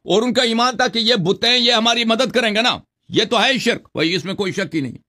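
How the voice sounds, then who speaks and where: A man hosting and arguing in a heated religious debate, insistent and argumentative, slowing down to recite scripture. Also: extremely high pitch, pushed and bright.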